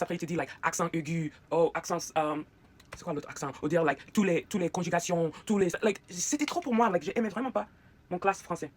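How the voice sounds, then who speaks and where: A vlogger with an American accent and English as a first language, chatting casually in a get-ready-with-me video, halting and slipping English fillers into their talk. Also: medium pitch, husky.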